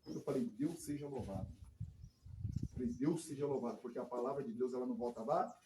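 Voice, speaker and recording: A man preaching as pastor, telling a testimony in an animated way, acting out quoted voices and calling for "amém". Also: medium pitch, quick pace, reverberant, noisy background. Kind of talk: testimony sermon to a congregation. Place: church service.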